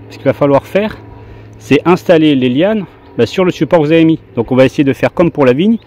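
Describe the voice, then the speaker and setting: A man's voice: medium pitch, mellow. A man hosting a gardening video, explaining each step in a plain-spoken, colloquial, instructional way. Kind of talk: casual instructional gardening narration.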